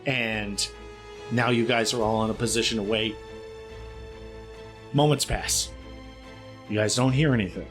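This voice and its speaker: A man narrating a tabletop role-playing game as game master in calm, descriptive storytelling. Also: fairly low pitch, a little slow, long pauses, soft background music.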